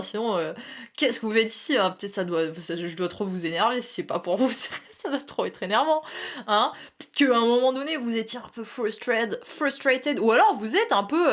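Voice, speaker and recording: A woman's voice: mid-range voice, animated, fairly quick. A young woman doing a casual tarot reading, talking chattily, laughing often and dropping English slang. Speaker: tarot reader.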